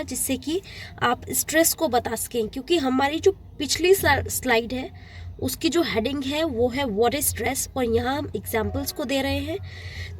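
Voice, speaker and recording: A woman teacher going through exam-prep slides, explaining plainly and repeating the key points for her students. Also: high-pitched.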